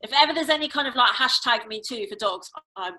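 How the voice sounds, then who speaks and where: Bright high-voiced chatty woman. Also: fast talker, rough recording. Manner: chatty, laughs often, swears casually. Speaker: podcast guest, TV and radio presenter. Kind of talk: casual chat.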